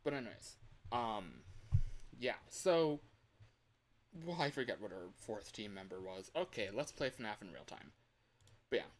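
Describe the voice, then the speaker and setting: A man's fairly low, worn and strained voice has a sing-song quality and a measured pace with many pauses. He's a livestreamer rambling casually over loud game music as he plays, easily sidetracked.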